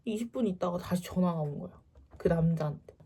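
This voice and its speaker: Husky young woman telling a story. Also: lowish voice, fairly quick. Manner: animated, acts out quoted lines. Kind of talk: casual storytelling.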